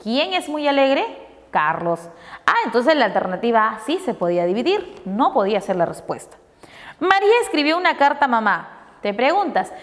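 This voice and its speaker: High, lively woman teacher going over answers. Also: big-room sound. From Peru. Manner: explanatory, asks and answers her own questions. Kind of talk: reviewing test answers with pupils.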